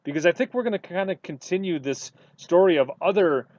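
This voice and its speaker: A man from Wisconsin co-hosting a sports podcast, telling stories in a casual, animated way with lots of fillers. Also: high-pitched, fairly quick, no room sound, dull audio. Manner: animated storytelling with many fillers. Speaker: podcast co-host.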